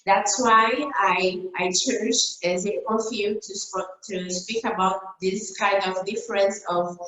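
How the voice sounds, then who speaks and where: A woman from Brazil whose first language is Portuguese, giving a dentistry case report over slides on a video call, halting with many fillers and restarts. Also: mid-range voice, fairly even intonation, fairly bright tone. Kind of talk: conference talk over slides. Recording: roomy echo.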